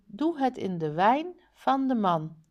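A woman reading the lines of Aladdin, a determined young hero, slowly and plainly from a storybook. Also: a little high, big pitch swings, a little mellow, dull audio, pitched above the performer's own voice. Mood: scheming. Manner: slow, plainly read dialogue.

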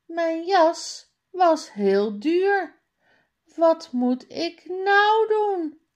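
A woman's voice: mid-range voice, huge pitch swings, drawn-out words, a little mellow, dull audio, heavily acted. A woman reading aloud, voicing an upset young schoolboy who cries out insistently about his lost coat.

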